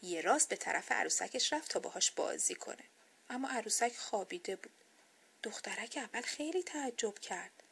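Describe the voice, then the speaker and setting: A woman reading a children's bedtime story aloud, soft, gentle and expressive. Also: medium pitch, gravelly, slightly rough.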